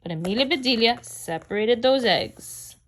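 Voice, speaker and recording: A woman's voice: a little high, animated, moderate pace, a bit bright. A woman reading a children's book aloud, announcing each page turn. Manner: announces page turns, chuckles. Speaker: reader.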